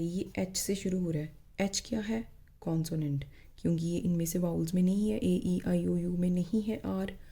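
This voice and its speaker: A woman teaching a grammar lesson, patiently repeating words and spelling them out slowly. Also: lowish voice, gravelly, warm tone, husky.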